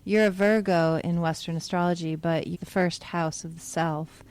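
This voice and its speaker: Woman host, lowish voice, curious quick questions, chatty. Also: steady tone, darkish tone. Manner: curious, asks short follow-up questions. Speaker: interviewer host. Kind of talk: casual interview conversation.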